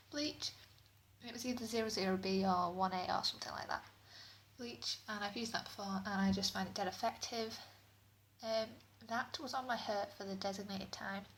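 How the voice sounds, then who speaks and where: A woman's voice: a little high, fairly bright tone. A British woman giving a casual spoken product review as a beauty vlogger, her voice echoing in a bathroom. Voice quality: echoey sound. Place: indoors, echoey bathroom. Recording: echoey bathroom, clear background noise.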